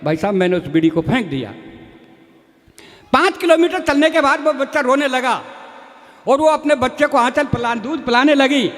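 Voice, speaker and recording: A man with a very high voice tells comic stories at a live poetry gathering. His delivery is folksy and chatty, and he speaks to the crowd as if to his brothers. The sound comes through a stage microphone, with a long reverb trailing behind each line. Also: lively intonation, moderate pace, pauses often, a bit bright. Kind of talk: stage comedy storytelling.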